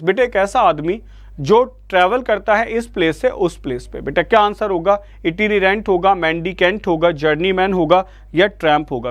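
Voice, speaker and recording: A man's voice: high-pitched, no echo. A man with an Indian accent teaching an online vocabulary lesson, coaxing his students along and asking them for answers again and again. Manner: coaxing, repeatedly addresses students as "beta".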